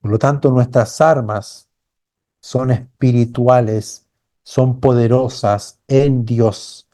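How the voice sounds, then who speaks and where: Male pastor, sermon, slow delivery, warm dark tone, earnest. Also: mid-range voice, steady tone. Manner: slow, earnest preaching, rising to fervent cries; acts out quoted voices of a blind beggar crying out.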